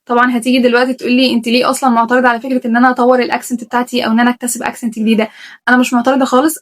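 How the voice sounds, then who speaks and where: Rapid-fire Egyptian woman vlogger. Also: a little high. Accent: Egyptian Arabic. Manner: blunt, emphatic, fires rhetorical questions. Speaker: language-learning YouTuber. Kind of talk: opinionated vlog talk to camera.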